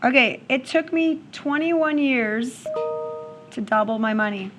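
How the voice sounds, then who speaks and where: A woman's voice: high-pitched, measured pace, muffled recording, music in the background. A woman teaching math to a class in a classroom, working problems aloud and often checking in with "okay?". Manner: checks in with questions, frequent "okay?". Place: classroom with students.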